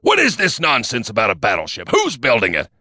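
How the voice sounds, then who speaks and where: A man voicing a gruff older male chief of a secret agency, snarling and grumbling his lines. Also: deep voice, animated, moderate pace, a bit bright, no room sound, clean studio sound, exaggerated voice. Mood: roaring.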